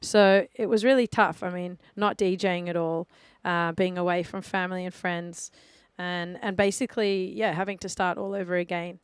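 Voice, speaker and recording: A woman with an Australian accent, a DJ talking easily as a guest in a radio studio, chatty and filling pauses with ums. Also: lowish voice, fairly even intonation, clean tone, no echo. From Melbourne, Australia. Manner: chatty, easygoing, many ums and uhs. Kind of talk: casual radio interview.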